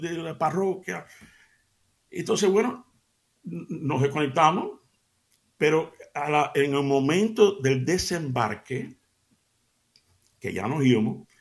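A middle-aged man hosting a radio devotional, telling an anecdote in an animated way and speaking to his listeners as family. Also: gravelly. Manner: addresses listeners warmly as family; animated storytelling, pitch jumps up for emphasis. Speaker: radio show host.

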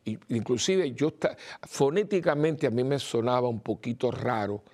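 An older male priest with a mixed Spanish accent, giving a rambling informal homily, repeating words and pausing with fillers. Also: medium pitch, a little mellow.

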